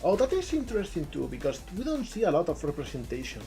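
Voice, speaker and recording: Talking fast with vocal fry and wildly swooping pitch, this Andalusian-accented streamer from southern Spain, a native Spanish speaker, chats casually about game trailers. The medium-pitched voice is warm, with music in the background.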